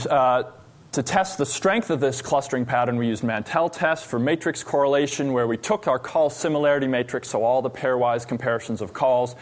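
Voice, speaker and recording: Male researcher lecturing from the stage, mid pitch, explanatory, halting with fillers. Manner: explanatory, pausing with frequent "uh" fillers. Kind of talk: academic lecture.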